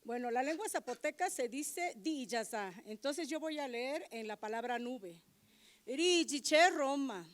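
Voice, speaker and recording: High-voiced woman reading poetry slowly. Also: lively intonation. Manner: slow and deliberate reading. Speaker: poetry reader. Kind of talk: recited poetry. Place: legislative chamber event.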